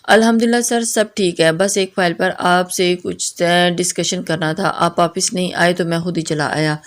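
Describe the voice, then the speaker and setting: A woman's voice: fairly low pitch, fairly even intonation, lightly acted. Woman reading as a polite, charming young man. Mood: respectful.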